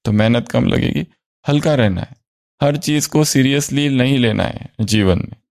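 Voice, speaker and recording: A man's voice: medium pitch, a little slow, gravelly, a little mellow. A man leading a spiritual study class, quizzing the group with questions and repeating their answers.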